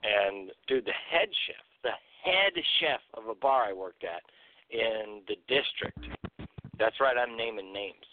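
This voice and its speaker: A man's voice: fairly low pitch, expressive, a little slow. A man co-hosting a podcast, ranting bluntly and swearing a lot in casual chat. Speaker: podcast co-host. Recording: tinny phone-like line, dry.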